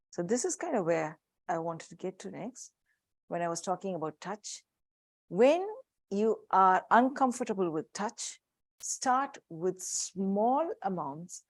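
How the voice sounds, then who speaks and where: A woman's voice: fairly low pitch, no echo. A woman psychiatrist with an Indian accent, giving a practical workshop to parents and showing objects as she explains. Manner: warm, practical, demonstrating objects. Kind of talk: live workshop talk to room and Zoom.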